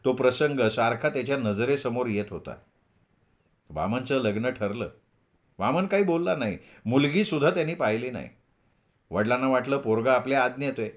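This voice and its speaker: A man reading a novel aloud as storyteller, in a steady narrative manner. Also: mid-range voice.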